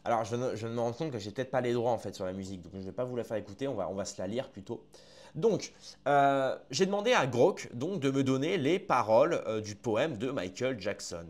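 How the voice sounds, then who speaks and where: A man of middle pitch talks casually through a reaction video, chatty and familiar with his viewers. He often restarts his sentences as he works through his thoughts. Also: animated, a little fast. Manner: chatty, addresses viewers as friends, hesitant with restarts. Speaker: online commentator.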